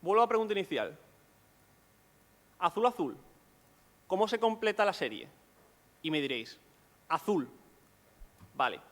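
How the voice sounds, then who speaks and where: Male lecturer, fairly high voice, patient explainer, echoing hall sound. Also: big pitch swings, normal speed, long pauses, a bit bright. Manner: explanatory, asks rhetorical questions. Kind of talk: conference lecture.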